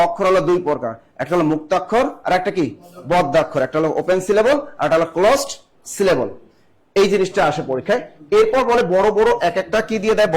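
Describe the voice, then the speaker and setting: A man with a Bangladeshi accent runs an online exam-prep class. He talks at a brisk clip in a raised register. He repeats each point and answers his own questions. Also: sits high. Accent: Bangladeshi Bengali. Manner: drills by asking questions and answering them himself, repeats key lines.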